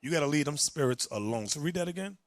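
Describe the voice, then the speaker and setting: A man's voice: on the high side, animated, fast talker, dry recording, clean studio sound. A man preaching and teaching from the Bible, emphatic and direct, telling a reader when to go on.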